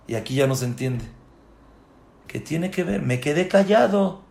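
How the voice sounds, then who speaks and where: A man, a rabbi, giving a Torah sermon, dropping to low murmurs and then rising into impassioned shouts, with rhetorical questions and repeated words. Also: lively intonation, normal speed, gravelly, reverberant.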